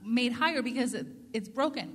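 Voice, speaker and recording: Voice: mid-range voice, fairly bright tone. A live interpreter relaying a preacher's sermon phrase by phrase. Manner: quick, follows the preacher phrase by phrase. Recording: echoey hall reverb.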